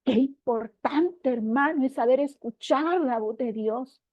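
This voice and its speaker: A woman's voice: high-pitched, measured pace, dry recording. Earnest woman telling a church testimony. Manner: earnest, emotional storytelling addressed to a brother. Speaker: church sister giving testimony. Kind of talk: personal spiritual testimony. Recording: dull, dry, slightly lo-fi recording.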